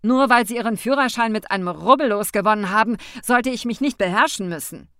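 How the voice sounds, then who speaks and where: A woman voicing an angry, tall young man in his late twenties who shouts in clipped, indignant bursts. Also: a little high, brisk, dry recording, studio quality.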